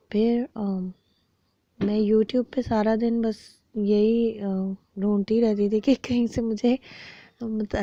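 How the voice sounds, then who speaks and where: A woman from Pakistan, giving a soft, reflective personal testimony and pausing often with fillers. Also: medium pitch, creaky, dry recording, highs cut off. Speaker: cancer survivor sharing her story.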